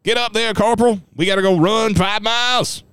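A man's voice: high voice, slow pace, a bit bright, clean tone, dry recording, voice pushed up. A man putting on a male drill sergeant barking early morning orders.

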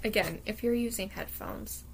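A woman's voice: medium pitch, normal speed, husky. A young woman hosting her podcast, chatting casually and playfully with her sister, laughing and teasing as they talk. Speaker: podcast host.

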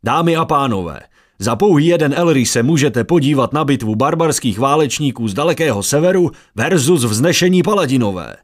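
A man's voice: lively intonation, lightly acted. A man voicing a young, greedy, slick squire who works crowds like a showman. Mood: barking. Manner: loud barker-style pitching.

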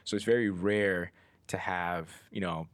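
A man's voice: low voice, fairly even intonation, unhurried, no room sound. A man in his twenties hosting a podcast in casual interview chat, loose and rambling with lots of filler words. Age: 20s. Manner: loose and rambling, heavy on "like" and "you know". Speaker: podcast host.

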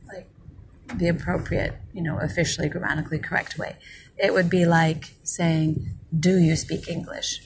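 A woman giving an explanatory language lesson as a teacher, speaking in a halting, think-aloud way and enunciating example phrases carefully and deliberately. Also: gravelly. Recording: loud background noise, vehicle-like rumble.

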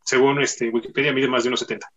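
A man's voice: mid-range voice, flat delivery, fast, a bit bright, low-quality recording. A man hosting a casual podcast chat, joking and using many fillers. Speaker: podcast host.

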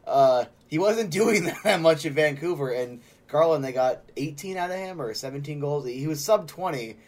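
A man's voice: a little high, animated, moderate pace, darkish tone. A man co-hosting a casual hockey podcast, talking in a sarcastic, joking way and laughing often. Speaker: podcast co-host. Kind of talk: casual sports chat.

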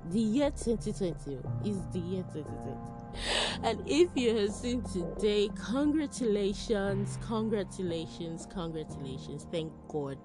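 A woman with a Nigerian accent chatting spontaneously as a solo podcast host, animated and repeating phrases for emphasis. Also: mid-range voice, measured pace. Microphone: phone. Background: music.

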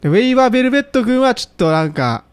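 A man's voice: extremely high pitch, sing-song, very fast, clean tone. A man, co-hosting a casual podcast chat, rambling through his speculation with frequent laughs. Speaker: podcast co-host.

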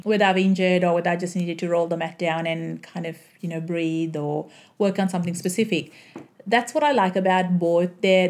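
A woman in her thirties from Sri Lanka, a yoga and Pilates teacher, answering interview questions in a warm, thoughtful way with many pauses. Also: lowish voice. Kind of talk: casual interview chat.

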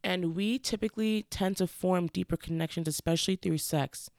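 A woman hosting a casual solo podcast, talking frankly and earnestly while stuffy from a cold, speaking slowly on purpose. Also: on the low side, darkish tone, no echo, studio quality. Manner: frank, earnest, slowed deliberate delivery. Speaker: podcast host.

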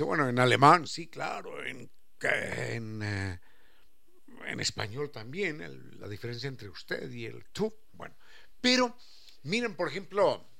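A man giving an expressive explanatory talk, acting out quoted phrases and stretching key words. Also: fairly high pitch, creaky. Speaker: speaker explaining language history.

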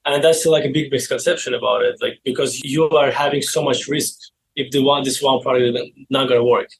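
Young Azerbaijani-accented man, slightly husky, telling stories. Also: mid-range voice, steady tone, poor audio. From Baku, Azerbaijan. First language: not English. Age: 20s. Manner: halting non-native English. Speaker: interview guest, e-commerce seller. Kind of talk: casual interview storytelling.

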